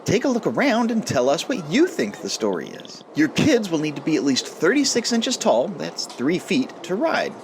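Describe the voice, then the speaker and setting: A man's voice: on the high side, wildly swooping pitch, normal speed, hardly any pauses, background noise. A man hosting a ride video with upbeat scripted narration and a chatty way of addressing viewers. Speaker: host narrator of a theme park ride video. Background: music.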